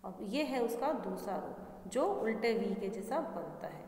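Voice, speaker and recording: A woman teaching a Hindi grammar lesson to young children, speaking patiently, repeating words slowly and asking questions as she explains. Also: mid-range voice, animated, darkish tone. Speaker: primary school Hindi teacher. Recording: echoey room with long reverb.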